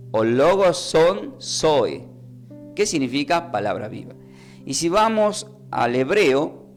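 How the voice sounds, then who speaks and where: Guy giving a radio bible class, asks then answers himself, some soft music behind. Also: fairly high pitch. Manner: teacherly, asks and answers own questions; repeats words slowly when explaining. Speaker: preacher.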